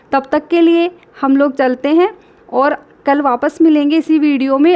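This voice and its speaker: Speaking straight to the children, a high-pitched female teacher leads a reading lesson, patiently sounding out syllables one slow step at a time.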